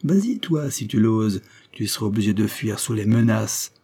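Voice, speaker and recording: A man performs a resentful royal son in a storybook reading, voice lifted high above the narration and full of defiance. Husky and dark, he shouts his grievances. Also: sing-song, normal speed. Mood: bitter. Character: bitter rebellious adult prince, the emperor's son.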